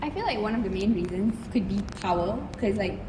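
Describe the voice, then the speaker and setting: A woman's voice: mid-range voice, animated, a little fast. A woman guest in a casual chat, explaining her view at length with many fillers. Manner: rambling, filler-laden explanation. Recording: distant, echoey and noisy.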